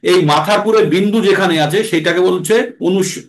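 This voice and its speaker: A man teaching a class how to pronounce and chant Sanskrit verses, reciting slowly and then explaining. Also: high-pitched, roomy sound. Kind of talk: patient recitation lesson.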